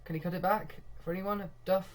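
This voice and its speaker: A young man commentating live on his own football management game, getting excitable when goals come and laughing at himself. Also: sits high, brisk. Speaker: gaming video host.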